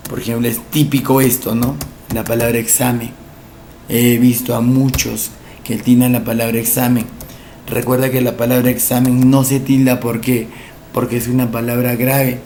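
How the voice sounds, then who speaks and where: A male language teacher, giving a recorded lesson for entrance exams, explaining slowly, repeating each word and asking rhetorical questions. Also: mid-range voice, level tone, dark tone, slight background noise.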